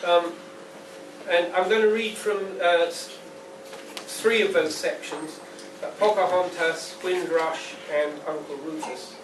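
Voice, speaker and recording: A man with a high-pitched, steady-toned voice reads poetry at a book launch in a pub, giving an informal introduction first. He speaks deliberately with dry wit. The live room is echoey and noisy, captured from a distance indoors.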